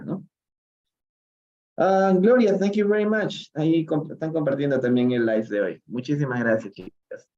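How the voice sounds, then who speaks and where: Dull audio captures a man's fairly high, darkish voice with a Peruvian accent. In his live-streamed English reading lesson, he explains phrases slowly, shifting between Spanish and English, and frequently asks "¿no?".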